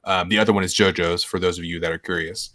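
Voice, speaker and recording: A man co-hosting a podcast, talking casually with many pauses and fillers. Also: sits low, fairly even intonation, pushed and bright. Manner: halting, full of fillers. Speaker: podcast co-host. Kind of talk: casual chat.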